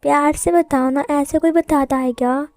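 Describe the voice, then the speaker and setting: A woman performs a cheeky ten-year-old boy who nags and bosses the grown-ups around. The voice sits high and mellow. It is heard up close in a dry recording. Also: fairly even intonation, normal speed, dry recording. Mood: chatty. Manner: pestering, bossy, childish. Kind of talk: fan fiction storytelling.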